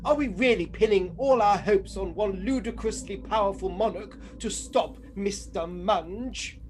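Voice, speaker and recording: A man playing a prim, sceptical doctor sidekick in a comic radio drama, wry and deadpan. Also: high voice, unhurried, slight background noise.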